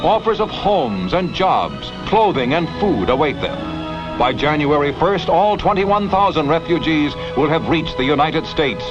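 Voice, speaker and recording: Over background music on a dull, lo-fi vintage newsreel, a man reads scripted narration in an emphatic, dramatic announcer manner. His voice is a little high and animated, and he speaks a little slowly.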